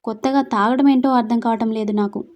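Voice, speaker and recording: A woman's voice: on the high side, steady tone, fairly quick, darkish tone, lightly acted. A woman doing a scolding young wife. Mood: worried. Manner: reproachful, earnest.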